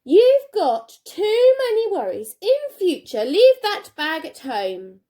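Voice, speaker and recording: A woman's voice: very high voice, wildly swooping pitch, slow pace, warm tone, pitched above the performer's own voice, full character voice. A woman voicing a cross, strict schoolteacher in a storybook, stern and emphatic.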